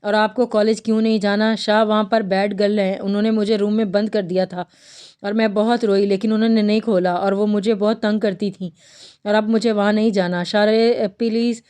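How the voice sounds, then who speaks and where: A woman voicing a timid, childlike young woman who pleads softly, in a romantic novel read aloud. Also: mid-range voice, flat delivery, clear, resonant tone, lightly acted. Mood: pleading. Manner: soft, pleading.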